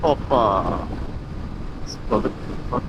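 A man's voice: medium pitch, lively intonation, extremely slow. Upbeat man chatting inside a motorcycle helmet, windy. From Turkey. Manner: upbeat, talking to viewers and to his bike. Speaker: motovlogger riding a motorcycle. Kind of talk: casual chat while riding. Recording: wind and engine noise over helmet mic. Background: wind and vehicle noise.

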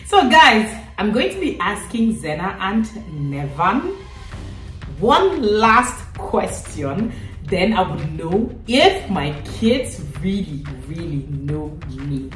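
This is a thirties-aged Cameroonian mother and vlogger running a playful, teasing family quiz in her living room. Her medium-pitched voice is very animated but slow-paced. Recorded by a camera set back from her, the audio is echoey with faint music.

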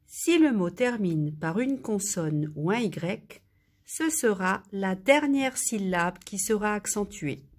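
Very slow, deliberate woman teacher. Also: mid-range voice, expressive. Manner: slow, deliberate, stresses example words. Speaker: Spanish teacher. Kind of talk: pronunciation lesson.

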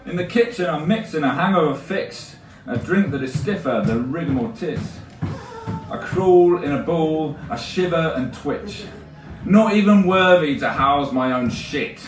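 A man's voice: fairly high pitch, unhurried, faint music behind. A man in his thirties performing spoken word poetry on a small stage, with a rhythmic, tongue-twisting rhyming delivery. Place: small stage with colored lights. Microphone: stand mic, filmed by a far camera. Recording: echoey room from far off.

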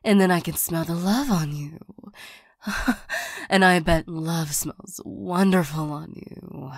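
A woman voicing a flirtatious, lonely female demon in an ASMR role-play, soft and partly soft-spoken, coaxing and teasing, easily irritated. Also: lowish voice, takes it slowly, no echo, clean studio sound. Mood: infatuated, seductive. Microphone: close microphone.

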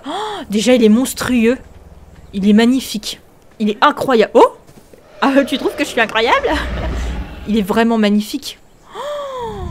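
A young woman hosting a video game, commenting excitably, often shrieking and laughing. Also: fairly high pitch, slight background noise. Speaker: gaming video host.

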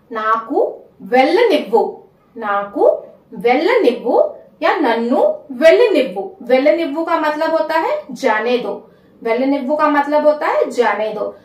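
A woman teaching a spoken language lesson, saying each phrase slowly and repeating it so learners can take notes. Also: sits high. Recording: echoey room, a bit far from the mic.

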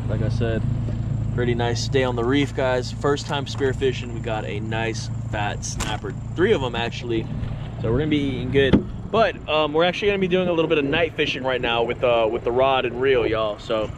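A man's voice: medium pitch, fairly quick. Man, casual vlog host, laid-back, outdoor noise behind. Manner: laid-back, rambling with fillers.

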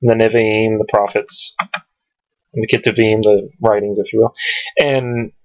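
A man teaching from scripture at home in a casual, rambling way, searching his computer aloud with many pauses and ums. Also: fairly low pitch, level tone. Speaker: Bible teacher. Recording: dull lo-fi home recording.

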